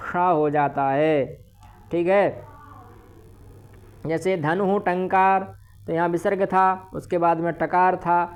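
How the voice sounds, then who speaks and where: Male teacher, online grammar lesson, methodical, drills examples slowly, answers his own questions. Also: fairly high pitch. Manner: explains step by step, asks and answers own questions; says examples slowly and repeats them.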